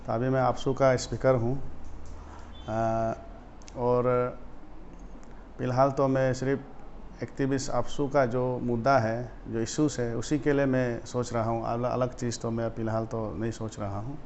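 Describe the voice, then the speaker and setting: A man from Arunachal Pradesh, a student leader telling stories from his school days in a casual interview, getting animated and loud as he retells his run-ins. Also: medium pitch, a little slow, slight background noise. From Arunachal Pradesh, India. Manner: animated, rises sharply when retelling confrontations. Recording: slightly dull lo-fi audio.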